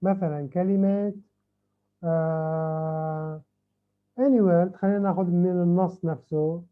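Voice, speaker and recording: A man teaching an online class, moving between explanations and drawn-out English words he says again and again. His voice sits high, and he takes his time. The sound is thin and tinny, like a phone line. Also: fairly even intonation, clear, resonant tone. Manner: switches between Arabic and slow, drawn-out English, repeating words to drill them.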